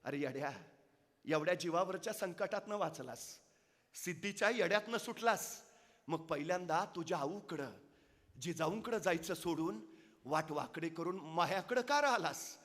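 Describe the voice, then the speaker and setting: A man's voice: high voice, lively intonation, normal speed, fairly bright tone, long reverb tail. A man voicing a fierce grieving village mother. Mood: reproachful. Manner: rustic village speech, emotional and insistent. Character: grieving old village mother, proud, defiant. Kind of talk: dramatic storytelling in a public speech.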